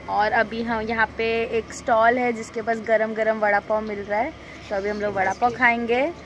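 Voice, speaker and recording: Woman, thirties, casual travel vlog, phone at arm's length, slightly high voice. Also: background noise. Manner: chatty, informal, talks straight to camera. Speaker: travel vlogger. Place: outdoors at night by a roadside stall and at a temple. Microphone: phone held at arm's length.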